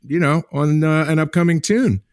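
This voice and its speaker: A man's voice: a little high, normal speed, no room sound, studio quality. A man hosting a music podcast, chatting casually with a guest and laughing along. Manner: laid-back, chuckles along, wraps up the show. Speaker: podcast host. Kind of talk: casual interview chat.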